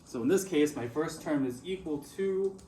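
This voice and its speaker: A man teaching math patiently explains concepts and asks his students questions, sounding slightly out of breath. His voice is a little high at a normal speed, and the distant mic picks up a noisy classroom.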